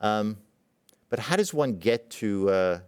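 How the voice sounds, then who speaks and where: A middle-aged man born in Israel tells a personal story in a talk, halting and reflective, with many fillers and restarts. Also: lowish voice, expressive, a little mellow, smooth, no room sound. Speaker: presenting physician.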